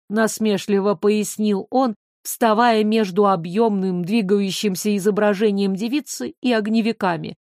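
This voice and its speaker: A woman narrating a fantasy audiobook in a steady, expressive storytelling way. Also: mid-range voice, no room sound, studio quality. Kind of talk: scripted narration.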